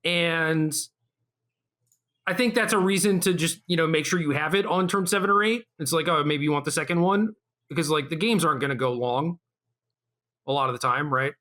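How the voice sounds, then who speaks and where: Male podcast host, bright forceful tone, slightly high, easygoing chatter. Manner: relaxed, quick reactive interjections. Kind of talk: casual chat.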